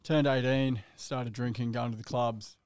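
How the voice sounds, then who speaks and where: A man's voice: medium pitch, fairly even intonation, measured pace, a little mellow, clean tone, dry recording. An Australian man in his thirties, telling his own story casually in a laconic, matter-of-fact way. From Australia, Western Sydney and the Gold Coast. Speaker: podcast guest, endurance athlete.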